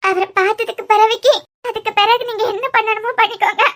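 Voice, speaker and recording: A woman's voice: very high-pitched, fairly even intonation, fast, fairly bright tone. Woman voicing a frightened pregnant young woman in labor. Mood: scared pleading. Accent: Kanyakumari Tamil. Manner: pleading, fearful.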